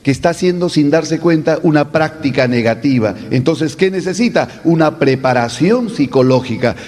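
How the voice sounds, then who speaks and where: A man's voice: a little high, expressive, normal speed, darkish tone. A man teaching an oratory class, posing rhetorical questions and answering them with emphasis. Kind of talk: classroom lecture. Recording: long hall reverb.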